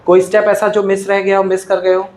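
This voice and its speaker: A man's voice: sits high, monotone, a little fast, a little mellow. A male chemistry teacher giving a classroom lecture, addressing students as "beta" and asking and then answering his own questions. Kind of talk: classroom lecture in Hindi-English mix. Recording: echoey room with faint background noise.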